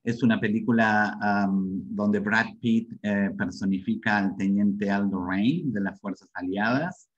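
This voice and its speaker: A man's voice: fairly low pitch, a little slow, few pauses, breathy edge, highs cut off. A man giving a webinar lecture on learning English, repeating himself and checking in with the audience often.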